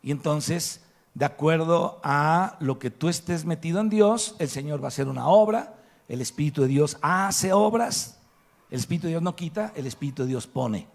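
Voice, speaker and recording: Speaking at a moderate pace in a fairly high, creaky voice, a Mexican Spanish-accented pastor delivers a sermon in a church hall. He presses his points emphatically and poses rhetorical questions to the congregation.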